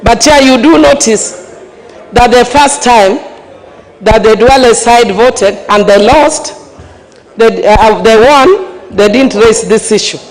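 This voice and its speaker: A woman speaks from the floor of parliament in a strained, slightly rough voice. She is defiant and emphatic, driving points home by repetition. Long reverb from the chamber surrounds her. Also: a little high, takes it slowly. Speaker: member of parliament debating from the floor. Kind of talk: impassioned parliamentary speech.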